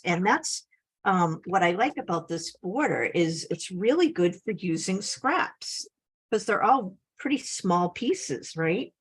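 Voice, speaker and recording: Woman walking thru a scrapbook border craft, lively sing-song voice, slow unhurried talk. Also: lowish voice, breathy edge. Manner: chatty, enthusiastic, frequent little laughs. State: slight cough. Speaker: scrapbooking instructor. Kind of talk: casual craft tutorial.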